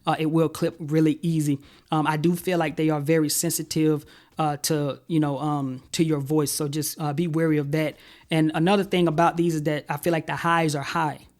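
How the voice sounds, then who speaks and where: A man in his thirties reviews tech gear to camera from a home studio with shelves and purple lights, describing his own voice as high-pitched. He's relaxed and conversational, dropping plenty of "uh" and "you know." He starts on a desk broadcast mic and later switches to a clip-on wireless one.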